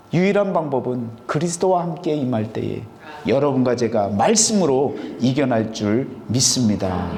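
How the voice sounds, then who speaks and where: A man's voice: fairly high pitch, a little mellow, a little hiss or hum. A male pastor with a Chungcheong accent preaches a sermon, asking the congregation questions and answering them himself. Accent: Chungcheong Korean. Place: church sanctuary. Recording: long hall reverb.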